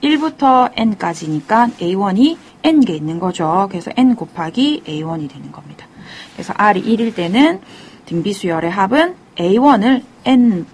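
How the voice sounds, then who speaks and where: Woman math teacher; patient step-by-step explainer, mid-pitched, talks herself through each line. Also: very animated, a little slow, vocal fry, darkish tone, husky. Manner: calls herself teacher, asks and answers her own questions. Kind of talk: step-by-step lecture.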